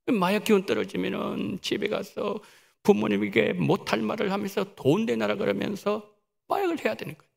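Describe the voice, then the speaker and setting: A man's voice: high voice, gravelly. A male pastor preaching a sermon with emphatic delivery, surging and dropping as he addresses the congregation.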